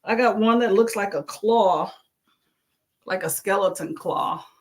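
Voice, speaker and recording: Speaking unhurriedly at a medium pitch, a woman runs a casual live chat, reading viewers' comments and offering encouragement. She's chatty and prone to exclamations, and she's clearing her throat.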